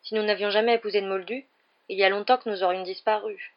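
A woman voicing an indignant twelve-year-old wizard boy in a storybook reading, in a higher, heated voice, with a dull lo-fi sound. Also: steady tone, fast, lightly acted. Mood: disgusted.

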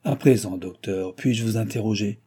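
A man's voice: lowish voice, moderate pace, warm tone, slightly rough. A man voicing an injured young French adventurer, weak and exhausted yet obstinate and insistent. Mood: questioning.

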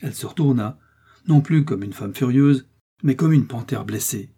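Husky-voiced man reading a novel. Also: mid-range voice, normal speed. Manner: expressive, rising with the action. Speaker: audiobook narrator.

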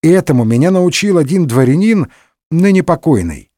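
A man voicing an excitable young male musketeer who exclaims in a raised, higher voice. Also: moderate pace, no echo, studio quality, natural voice. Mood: eager. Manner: exclaiming, high-pitched.

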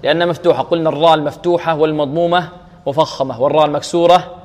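A man teaches a Quran recitation lesson, quizzing his students and drilling letter sounds between chanted verses. His voice sits fairly high. A long reverb trails after each phrase. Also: steady tone, racing, darkish tone. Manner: questioning the class and drilling sounds aloud.

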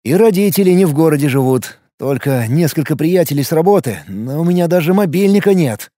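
A man's voice: fairly high pitch, lively intonation, a little fast, warm tone, no room sound, clean studio sound, close to an everyday voice. A man voicing a confused, lonely young man who sounds rattled and lost. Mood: bewildered.

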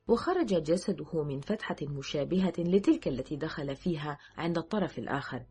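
A woman narrating an audiobook in a measured, steady storytelling manner. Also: low voice, breathy edge.

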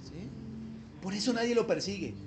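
A man's voice: high voice, expressive, moderate pace. A man preaching a sermon as pastor, emphatic and conversational, with wry asides, over background music.

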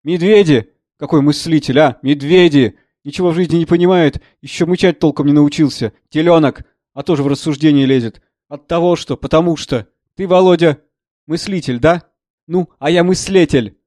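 Man doing a gruff mocking old general. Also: fairly high pitch, moderate pace, no echo, studio quality, close to an everyday voice. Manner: blustering, mocking, shouts out bursts. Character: gruff, sardonic older male doctor, a general.

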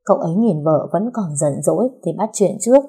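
Woman storyteller, expressive story narration, low voice, husky and mellow. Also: brisk.

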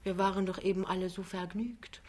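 A woman voicing a shy, gentle young wife who speaks softly and hesitantly in an audiobook reading. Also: mid-range voice, fairly even intonation, a little fast, a little hiss or hum, natural voice. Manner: soft, hesitant.

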